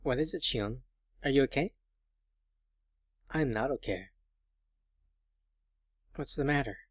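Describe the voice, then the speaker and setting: A man's voice: mid-range voice, takes it slowly, slightly rough, dry recording, studio quality. A man voicing worried classmates who anxiously check on a crying girl in a visual novel. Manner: anxious questioning.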